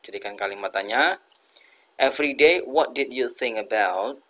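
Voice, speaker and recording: A man with an Indonesian accent teaching English grammar, explaining each example slowly and deliberately. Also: medium pitch, pushed and bright. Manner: slow, deliberate, switches between two languages.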